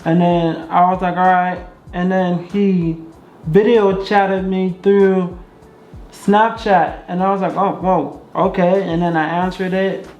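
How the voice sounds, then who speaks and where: Slow, rambling storytime vlogger. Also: mid-range voice, little pitch movement, a little mellow. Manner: slow, rambling, repeats itself. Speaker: vlogger host. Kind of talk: casual storytime vlog. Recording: echoey, dull lo-fi room sound.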